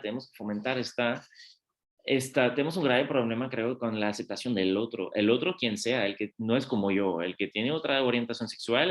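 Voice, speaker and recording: A man with a middle-range voice gives a relaxed academic talk at a university panel, speaking as a non-native speaker. He reasons aloud, pauses to think, and keeps turning to the audience with quick tag questions. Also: mid-range voice. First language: not Spanish.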